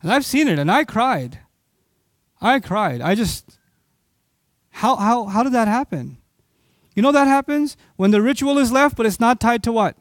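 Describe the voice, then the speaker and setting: A man's voice: extremely high pitch, lively intonation, moderate pace, long pauses, dry recording, studio quality. A man from Pakistan giving an impassioned sermon, often putting rhetorical questions to his audience. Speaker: Islamic preacher.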